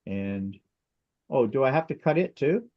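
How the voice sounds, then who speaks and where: A man's voice: mid-range voice, animated, unhurried. A man chatting while he sews on a live quilting stream, dry and sarcastic, heard over a video call. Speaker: quilter guest. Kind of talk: casual chat while sewing on a live stream. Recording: muffled video-call audio.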